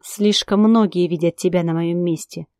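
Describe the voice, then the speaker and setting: A stern male ruler who speaks in cold, commanding tones, as a woman narrator voices him. His voice is mellow and even, and his pace is measured. He sounds like someone used to being obeyed. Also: fairly low pitch, no room sound, studio quality, close to an everyday voice.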